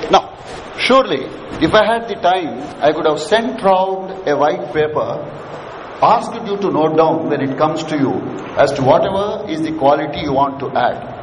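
This lecturer, an Indian-accented man with a fairly high, expressive voice at normal speed, conducts an interactive management session for students. He questions his listeners and goes over his points repeatedly. The recording comes from a large hall with echo and obvious noise.

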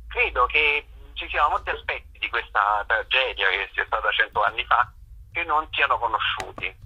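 Over a dull, band-limited phone line to a radio show, a theatre writer-performer speaks in a bright, forceful, slightly rough mid-range voice. Interviewed as a guest performer, he explains at length and gropes for the right words.

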